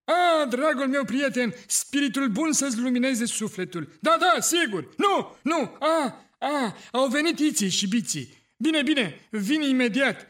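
A performer voicing a jovial, loving old grandfather in a cartoon who talks loudly. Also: high voice, animated, few pauses. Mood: hurried jolly. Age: older. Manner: jovial, loud, laughing. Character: jolly loving grandfather, former galaxy defender. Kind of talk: cartoon dub acting.

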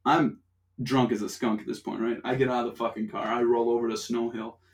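A young adult man hosting a podcast tells a rambling, profane story in casual chat, laughing often. His mid-range voice is brisk with a flat delivery.

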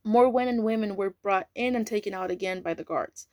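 Lady reading a novel out loud, casual, a few slips, dry close sound. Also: mid-range voice, a little fast, dry recording. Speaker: audiobook reader. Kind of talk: audiobook narration.

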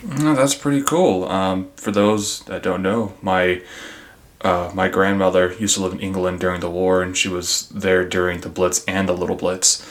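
A man's voice: low-pitched, fairly even intonation, normal speed. A man hosting a podcast in an informal, conversational way, speaking to his listeners and guest. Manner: informal, addresses listeners as guys. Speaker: podcast host.

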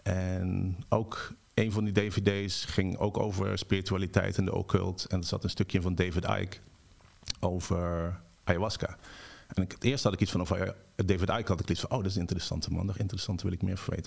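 Gravelly low-voiced man telling stories. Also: normal speed. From Netherlands. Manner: relaxed storyteller who mixes English words into his speech. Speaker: ayahuasca shaman guest. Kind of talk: storytelling in a podcast interview.

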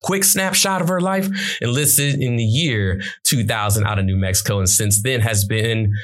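A man's voice: mid-range voice, normal speed. A man hosting an interview show as a military captain, talking in an emphatic, promotional hype-man style. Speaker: podcast host, military captain.

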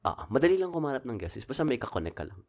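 A man's voice: medium pitch, big pitch swings, rapid-fire, vocal fry, darkish tone. A man with a Filipino accent, co-hosting a casual podcast, telling a story in a chatty, teasing way and mixing in English phrases. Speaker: podcast co-host. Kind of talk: casual chat.

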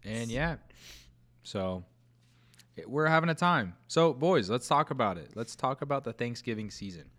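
A man's voice: mid-range voice, lively intonation, normal speed, a bit bright. Easygoing young man leading a chat. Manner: easygoing, leads the talk. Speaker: podcast host. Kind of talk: casual chat over a meal.

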